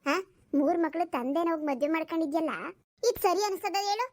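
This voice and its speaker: Woman playing outspoken cartoon village women, very high-pitched and blunt. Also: a little fast, no echo, studio quality. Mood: scolding. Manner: scolding, blunt village talk. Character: scolding village women, friends of Jayakka. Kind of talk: cartoon voice acting.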